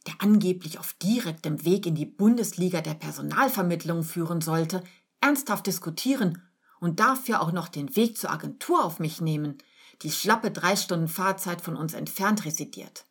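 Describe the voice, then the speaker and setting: A woman reading aloud gives voice to a dramatic young office worker in a storybook tale. She complains in a raised, whiny, indignant rush, her tone husky and breathy. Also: on the low side, normal speed. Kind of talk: audiobook character reading.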